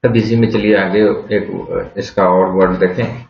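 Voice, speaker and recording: A man gives a slow, patient vocabulary lesson in a fairly low voice, spelling out words letter by letter and quizzing his class with questions he answers himself. The sound is muffled and lo-fi, with an echoey room around him. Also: fairly even intonation, creaky. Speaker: English vocabulary teacher.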